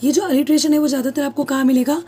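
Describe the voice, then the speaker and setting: A woman's voice: high voice, steady tone, very fast, dark tone. A woman teaching a lesson who asks questions, answers them herself and repeats key terms, speaking words. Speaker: English teacher. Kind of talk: classroom-style lesson.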